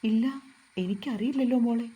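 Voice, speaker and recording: A woman reading out a cocky young husband who bosses and teases with a mock-stern edge. The voice is mellow and a little breathy, and it stays close to the reader's own. It is part of a storybook narration. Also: a little high, moderate pace. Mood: teasing. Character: bold, teasing young husband.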